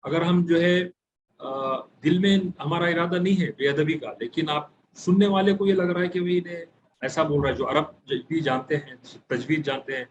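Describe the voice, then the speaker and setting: Higher-voiced man teaching Quran recitation. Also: a little hiss or hum, poor audio. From India. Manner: slow, careful pronunciation of single letters, with thinking pauses. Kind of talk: religious lecture.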